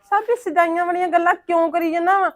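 Woman playing stern high-voiced Punjabi mother. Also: fast talker. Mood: scolding. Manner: firm, scolding, urging calm. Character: stern Punjabi village mother, middle-aged, cautious. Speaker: mother of the son.

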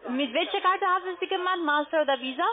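A woman with a high voice speaks on a narrow, muffled phone connection from an office. She is an agent for an online trading platform, walking the caller through steps in a halting, insistent, script-like sales manner.

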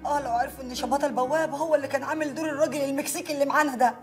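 An actress playing a sharp-tongued Egyptian wife with quick, sassy retorts. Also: female voice, high voice, steady tone, over music, natural voice. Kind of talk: comedic film acting.

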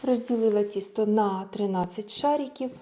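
A woman's voice: medium pitch, normal speed, warm tone. A woman giving a casual cooking tutorial, chatting through each step as she works and mixing Russian words into her speech. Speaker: home cook showing a recipe.

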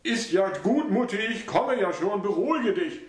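A man's voice: high voice, animated, normal speed, background noise, voice pushed up. A man voicing a timid, flustered retired army sergeant who placates his overbearing mother. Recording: roomy echo.

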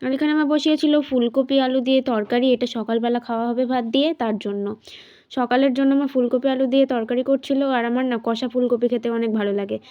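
A young woman from West Bengal talks through her day at home into a phone camera. Her voice sits high, and she chats freely, repeating words for emphasis in a casual vlog style. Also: fairly even intonation, fairly quick, muffled recording. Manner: chatty, repeats phrases for emphasis. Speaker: daily vlogger. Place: at home, indoors.

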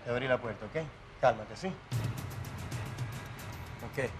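A man's voice: medium pitch, slow pace, over loud music. A man running a hidden-camera prank, coaxing and repeating himself, using pet names, outdoors by a car.

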